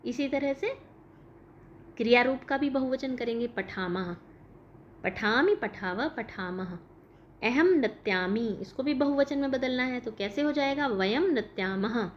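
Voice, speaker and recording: A woman's voice: high voice, unhurried. A woman teacher explaining a school lesson, asking questions and answering them herself. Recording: dull lo-fi recording with faint noise.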